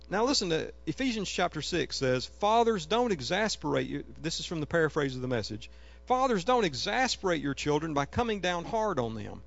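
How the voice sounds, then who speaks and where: A man preaching a sermon, telling a personal story earnestly, rising to emphatic peaks and dropping to soft, hushed tones. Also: on the high side, creaky, muffled recording. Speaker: pastor.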